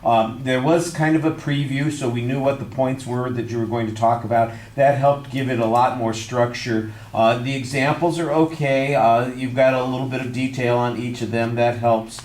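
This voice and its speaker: A man, a speech instructor, giving measured, constructive feedback on a student's speech with frequent fillers. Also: medium pitch, steady tone, darkish tone, echoey room. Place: classroom.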